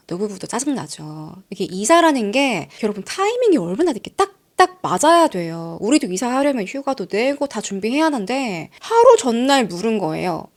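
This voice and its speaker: A woman hosting a storytelling channel, telling a true-crime story in a chatty way and addressing her listeners directly. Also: medium pitch. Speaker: storyteller host.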